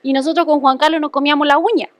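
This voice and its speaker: A woman's voice: sits high, fairly even intonation, racing, no room sound. A woman pastor giving a conversational testimony sermon, telling a personal story and often checking in with the congregation.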